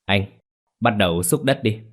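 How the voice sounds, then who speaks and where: A man voicing a stern elderly male village ritual master who speaks in a measured, cautionary way. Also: on the low side, close to an everyday voice. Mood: solemn.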